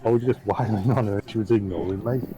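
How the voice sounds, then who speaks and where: A man's voice: fairly low pitch, steady tone, quick pace, dark tone, faint music behind, poor audio. A man playing a tabletop game, working out numbers aloud in casual chat. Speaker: player.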